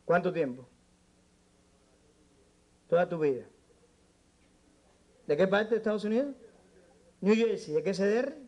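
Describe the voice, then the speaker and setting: A man's voice: high voice, animated, a little slow, long pauses, darkish tone, lo-fi sound. A man with a Cuban accent doing live stand-up in a nightclub, brashly teasing the audience and slipping into broken English. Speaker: stand-up comedian working the crowd.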